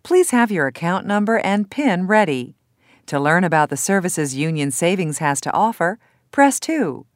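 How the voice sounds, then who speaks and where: Woman acting as phone menu voice, female, lowish pitch, scripted announcement, measured, instructional, dry studio sound. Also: sing-song, dry recording.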